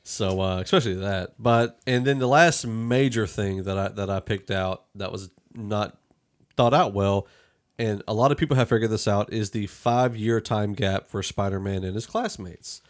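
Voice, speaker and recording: Here a man hosts a podcast and chats loosely about a film he's reviewing, his fairly low voice keeping a moderate pace.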